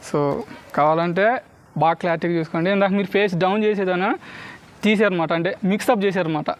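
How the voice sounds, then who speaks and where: A man with a Telugu accent doing loud, bantering street magic patter for spectators, dropping in English words. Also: high-pitched, fairly even intonation, fast. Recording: clearly noisy on-location recording.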